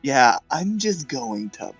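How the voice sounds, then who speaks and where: A man's voice: mid-range voice, very animated, takes it slowly, fairly bright tone, slightly rough, no echo, soft background music, poor audio. A man playing a tabletop game, talking casually and joking. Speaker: player.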